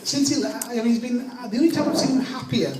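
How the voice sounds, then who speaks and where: A man giving a jokey, informal best man's wedding toast, speaking haltingly with many false starts. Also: very high voice. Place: echoey room at a wedding gathering. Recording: distant mic in echoey room, audience noise. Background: crowd of guests reacting and laughing.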